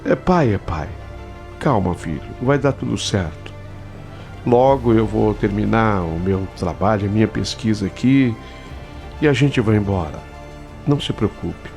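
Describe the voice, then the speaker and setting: A man voicing a calm professor father gently reassuring his son in a spoken ghost story. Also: fairly low pitch, a little slow, gravelly, soft background music, voice pushed down. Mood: soothing. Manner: soothing, gentle.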